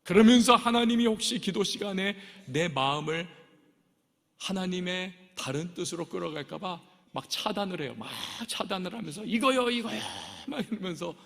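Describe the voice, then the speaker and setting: A man pastor preaching a sermon, telling the story dramatically and swinging between soft and loud. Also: high voice, animated, normal speed, creaky. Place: large church sanctuary. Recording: long reverb of a church hall.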